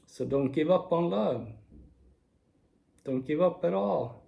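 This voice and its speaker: A man in his forties giving a slow, earnest spoken reflection to camera, with soft laughs now and then. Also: on the high side, lively intonation, gravelly. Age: 40s. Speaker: video speaker.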